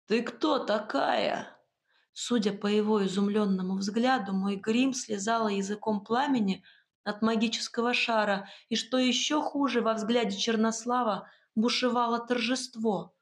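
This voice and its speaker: Brief: woman narrator, first-person fantasy audiobook, steady expressive reading, a bit higher pitch. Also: moderate pace.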